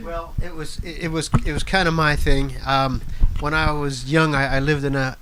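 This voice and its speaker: A man from a rock band telling a story in a relaxed interview. His voice sits a little higher than most men's. He rambles along, repeats words as he finds his way, and chuckles at his own tales. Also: normal speed, slight background noise. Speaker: band member. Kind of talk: casual interview chat.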